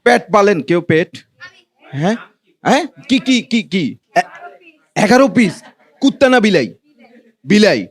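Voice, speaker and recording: A Bangladeshi man with a notably high voice performs stand-up comedy. He talks colloquially to a live audience and teases them as he goes. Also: very animated, a little slow, long pauses. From Noakhali, Bangladesh. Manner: colloquial, teasing banter with the audience.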